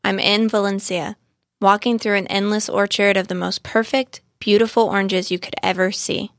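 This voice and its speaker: A woman voicing a proud, gentle adult male orange grower in a storybook reading, eager and savoring his words. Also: mid-range voice, little pitch movement, moderate pace, dry recording, studio quality, natural voice. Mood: eager, wondering. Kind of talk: storybook narration.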